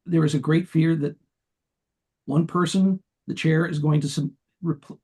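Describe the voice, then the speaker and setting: A man with a gravelly, husky voice gives public comment at a party meeting. His tone is dark and mellow, and he speaks in a measured way that halts and restarts now and then. He is pitched a little high for a man. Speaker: public commenter, former state party chair.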